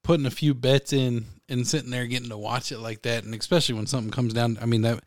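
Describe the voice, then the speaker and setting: A young man talks casually on a podcast in an easygoing, laid-back way. His voice is at a medium pitch for a man, and the sound is dry and close. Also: fast talker, no echo. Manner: relaxed, laughs along, chats about bets. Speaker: podcast co-host.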